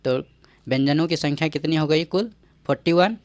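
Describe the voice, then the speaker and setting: A man's voice: a little high, a little fast, dry recording. A man giving an exam-prep grammar lesson, explaining step by step, checking in often and quizzing the viewer with rhetorical questions. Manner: explains step by step with frequent "ठीक है" check-ins. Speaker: teacher.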